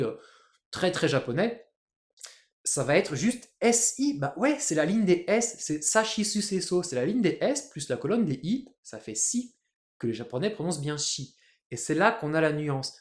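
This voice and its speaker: A man teaching Japanese in a casual video lesson, chatty and lively, spelling out letters. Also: a little high, reverberant.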